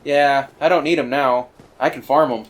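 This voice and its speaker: A man giving casual, rambling commentary on a video game he is playing, full of fillers and excited asides. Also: mid-range voice, moderate pace, a crowd in the background. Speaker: let's play commentator.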